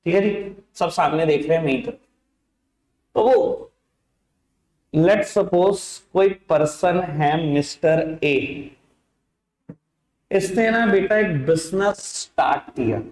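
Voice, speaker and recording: Male teacher, slightly high voice, encouraging classroom delivery in an echoey room. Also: slow, long pauses, darkish tone. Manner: coaxing, addresses students as beta and babu. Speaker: accounts teacher. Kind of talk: classroom lecture.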